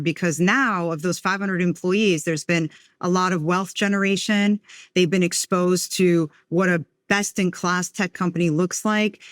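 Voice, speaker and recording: A woman's voice: on the low side, dry recording, clean studio sound. A woman venture investor from the United States, answering interview questions in a reflective way, with frequent "you know" and "um". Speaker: venture capital investor, podcast guest.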